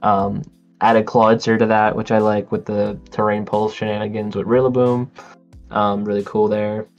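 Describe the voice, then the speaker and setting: A man co-hosting a casual podcast, talking in a relaxed way with many ums and easy laughs. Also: on the low side, moderate pace, highs cut off, faint music behind. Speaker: podcast co-host. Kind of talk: casual chat.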